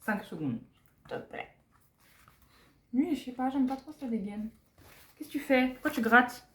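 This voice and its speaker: A young woman chatting casually as she unboxes albums, giggling often and muttering asides softly. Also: fairly high pitch, animated, a little slow. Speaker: unboxing vlogger. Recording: echoey room, faint background noise.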